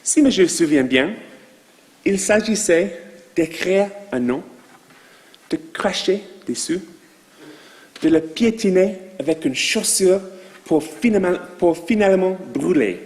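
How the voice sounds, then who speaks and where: A man with a non-native accent in French, a rabbi giving a sermon to his congregation in a slow, measured way with asides to the listeners. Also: high voice, expressive, darkish tone, long reverb tail. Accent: foreign accent in French. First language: not French. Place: synagogue.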